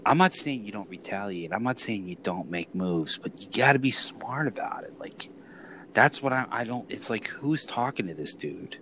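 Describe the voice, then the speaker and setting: A man's voice: on the low side, expressive, moderate pace, bright, forceful tone, a little hiss or hum. A man in casual chat, rambling and swearing, often trailing off mid-sentence.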